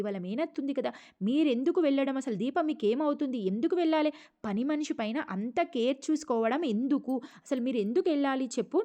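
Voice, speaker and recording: A woman voicing an angry, jealous young woman from a TV serial who complains in shrill, accusing bursts. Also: mellow, lightly acted. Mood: resentful.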